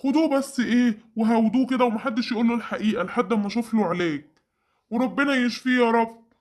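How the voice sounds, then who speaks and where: Someone playing a soothing cartoon jungle doc, talks fast, calms the worried animals down, kids' story vibe. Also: mid-range voice, lightly acted. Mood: concerned. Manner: calm, soothing, gently scolding. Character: kind, reassuring jungle animal doctor. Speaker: doctor in a children's animal story. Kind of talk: children's cartoon voice acting.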